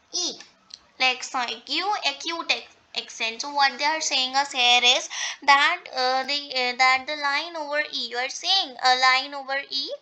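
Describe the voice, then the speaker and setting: A woman's voice: high-pitched, bright, forceful tone. A woman teaching a French lesson online, explaining step by step with many fillers and repeated words.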